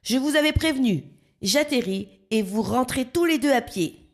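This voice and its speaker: A woman's voice: high voice, animated, normal speed, voice pushed up. A woman voicing a boastful, bossy male blackbird who talks about himself in the third person. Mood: indignant. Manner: self-assured, bossy, easily offended.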